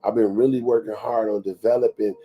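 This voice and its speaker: A man's voice: fairly low pitch, steady tone, a little fast, husky, lo-fi sound. A man in his thirties hosting a motivational talk. His delivery is preachy and conversational, and he repeats phrases for emphasis. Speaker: show host.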